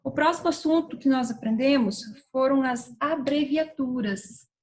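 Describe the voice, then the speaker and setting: On poor audio, a high-voiced woman teacher works patiently through a grammar lesson. Spelling words out slowly, she checks in with her students as she goes, frequently asking "tá?" and "certo?"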